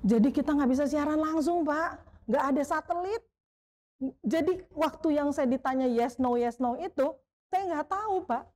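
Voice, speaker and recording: In a relaxed interview, a middle-aged woman who has spent years as a sports broadcaster tells lively stories, mimicking the voices of the people she quotes. She speaks at a normal speed in a high voice and keeps tossing in a respectful "Pak" toward the man interviewing her.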